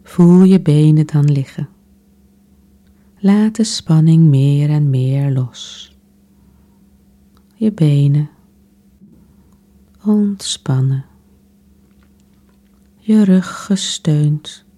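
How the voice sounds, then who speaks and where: A woman softly guiding a relaxation exercise in a soothing, unhurried way, with long pauses between phrases. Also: low voice. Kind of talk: guided relaxation meditation.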